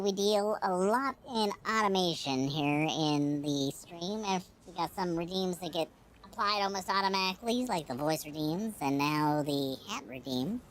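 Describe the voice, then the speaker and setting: A male streamer chatting casually through a high-pitched chipmunk voice filter, rambling with many fillers. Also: a bit bright, a little hiss or hum. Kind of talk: casual live-stream chat.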